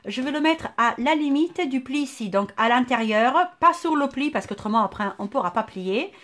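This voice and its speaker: A woman's voice: high voice, expressive, normal speed, a bit bright. A woman with a southern French accent hosting a live craft tutorial, chatting and greeting viewers by name as she works. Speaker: scrapbooking tutorial host.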